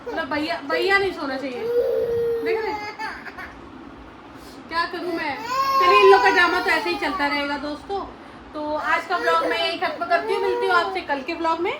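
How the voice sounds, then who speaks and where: A woman's voice: very high voice, moderate pace, pauses often. A woman in her thirties chatting casually to camera as a family vlogger, talking to her viewers as friends. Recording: loud background noise.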